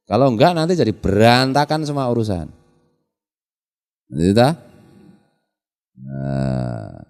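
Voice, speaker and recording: A man's voice: medium pitch, dark tone. A middle-aged man with a Javanese accent, a kyai giving a folksy religious lecture in a pesantren, mixing in Javanese and asking the audience questions. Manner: folksy, mixes Javanese into Indonesian, asks the audience rhetorical questions. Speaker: kyai teaching a pesantren study circle. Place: prayer hall of a traditional boarding school. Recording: reverberant hall.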